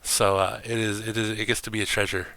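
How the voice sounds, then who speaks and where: Bright-voiced profane male streamer. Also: fairly low pitch, little pitch movement, fast talker, dry recording. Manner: rambling, profane, laughing often. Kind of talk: casual stream commentary.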